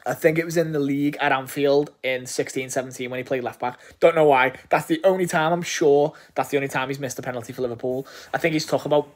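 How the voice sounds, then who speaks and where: A man's voice: mid-range voice, steady tone, quick pace, hardly any pauses. A man from England giving an enthusiastic, rambling match reaction, swearing often and restarting his sentences. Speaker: football fan reviewing a match. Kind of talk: casual post-match reaction.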